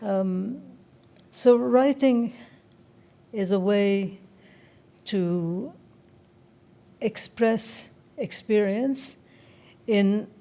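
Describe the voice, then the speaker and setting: A woman near seventy, originally from Egypt, tells her story in an interview. Her voice is soft and mellow, and her pitch sits in an ordinary middle range. She speaks slowly and thoughtfully, often pausing to find her words. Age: around 70. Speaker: interview guest, writer. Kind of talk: reflective interview talk.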